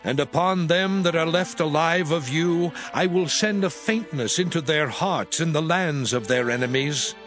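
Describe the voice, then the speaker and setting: A stern God of the Old Testament, acted by a man, speaks over prominent music. The voice sits a little high and delivers scripture as solemn, measured declamation, a lawgiver pronouncing judgment in an audio drama. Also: a bit bright, lightly acted. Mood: stern, threatening.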